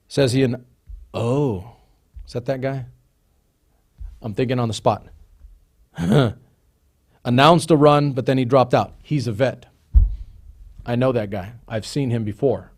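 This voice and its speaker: Hosting a live stream, a man with a mid-range, darkish voice talks casually and reads out a list of names. He's chatty and digressive, adding asides as he goes.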